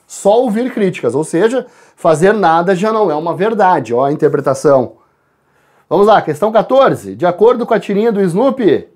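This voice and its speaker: A male teacher goes through exam answers, talking straight to the students and their parents. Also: sits high. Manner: lively, addresses class and parents directly.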